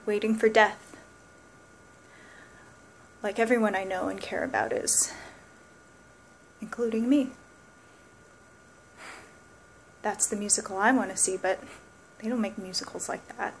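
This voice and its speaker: A woman's voice: medium pitch, animated, normal speed, gravelly, pauses often, a little hiss or hum, rough recording. A young woman playing an embittered, wry, grieving woman in a searching dramatic soliloquy that moves between musing and bitterness. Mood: quiet, resigned. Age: young adult. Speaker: actor performing a monologue. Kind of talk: dramatic theatrical monologue. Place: small plain room indoors.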